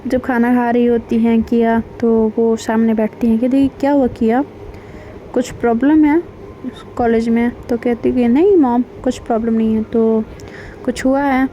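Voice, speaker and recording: A woman's voice: a little high, level tone, moderate pace, dark tone. A woman telling a romantic story in a casual, conversational way, retelling the dialogue in her own plain narrating voice with small fillers. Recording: dull lo-fi home recording with faint noise.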